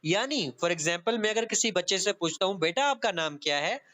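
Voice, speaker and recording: This online law lecturer has a high, sharp voice with lively intonation and speaks at normal speed. In his exam-prep class held over an online meeting, he explains step by step, reads clauses aloud and mixes in English terms.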